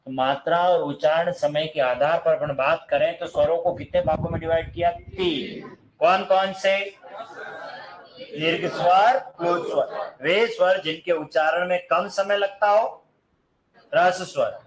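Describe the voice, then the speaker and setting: This grammar teacher speaks a little slowly, his fairly high voice holding a steady tone as he quizzes the class and supplies the answers. To illustrate long vowels, he breaks into bits of songs. The audio is poor.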